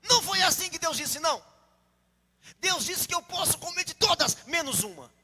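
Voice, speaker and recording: A man voicing a defiant woman who shouts her refusal emphatically. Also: extremely high pitch, sing-song, normal speed, big-room sound, pitched above the performer's own voice, heavily acted.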